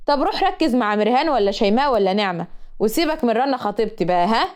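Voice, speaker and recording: A woman's voice: on the high side, animated, fast, natural voice. A woman voicing a smug young male university lecturer with an Egyptian accent. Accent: Egyptian Arabic. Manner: smug, matter-of-fact.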